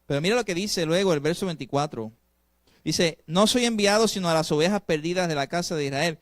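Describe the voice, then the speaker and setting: Male pastor preaching a sermon, kinda high voice, goes loud then soft, keeps asking the crowd questions, dry close sound. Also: a little fast, no room sound. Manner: emphatic preaching with sudden swings between loud and soft; addresses the congregation directly with rhetorical questions.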